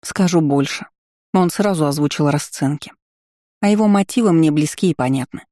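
A woman reading a first-person fantasy novel aloud in a wry, lively storytelling manner. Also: deep voice, a little fast, no echo, studio quality. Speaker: audiobook narrator.

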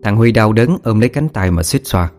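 A man narrating a story as an audiobook reader, steady and expressive. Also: lowish voice, brisk, soft background music.

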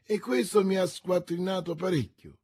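A man voicing a calm, ironic musketeer who speaks in a low, dry, understated way. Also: moderate pace, slightly rough. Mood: wry.

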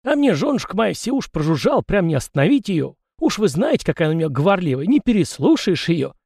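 A man putting on a chatty peasant house spirit, high voice, swooping, fretful, storybook. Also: big pitch swings, fast, creaky, darkish tone, slightly rough, dry recording, studio quality, exaggerated voice. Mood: gossipy. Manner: garrulous, fretful, rustic folksy speech.

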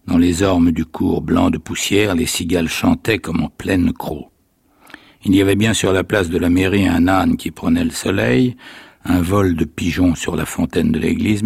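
A male actor reads a literary story aloud with measured, expressive pacing. His voice is very low, husky and gravelly. The studio sound is dry and close. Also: dry recording. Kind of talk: literary reading.

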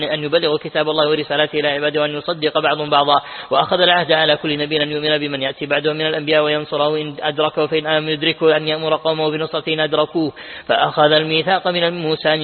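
A man, a sheikh, reads aloud from a classical Quran commentary and explains it, restarting words as he goes. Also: fairly high pitch. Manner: rapid, flat recitation with self-corrections. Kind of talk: fast classical Arabic text reading. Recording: tinny lo-fi audio in a reverberant hall.

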